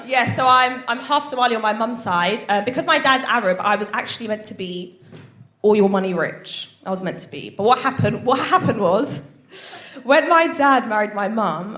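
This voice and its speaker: A woman's voice: medium pitch, moderate pace, sharp tone. A woman doing live stand-up, chatty with the audience and given to snorting giggles. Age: 20s. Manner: giggles and snorts while laughing; chatty, addresses the audience with frequent tag questions. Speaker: stand-up comedian. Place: stage at a live comedy night. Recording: echoey live venue with background noise.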